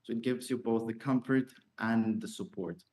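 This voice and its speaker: A man explaining his startup in answer to investor questions, pausing often as he phrases things. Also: mid-range voice, a little mellow. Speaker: startup founder.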